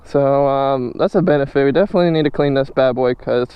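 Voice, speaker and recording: A young man vlogging casually and excitedly outdoors on a motorbike, talking in slangy, exclamatory bro-speak into a helmet mic. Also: mid-range voice, fast talker, smooth, no echo. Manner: bro-heavy hype talk, slangy and exclamatory. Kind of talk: excited, casual moto vlog chat while riding. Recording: muffled helmet audio with loud engine noise.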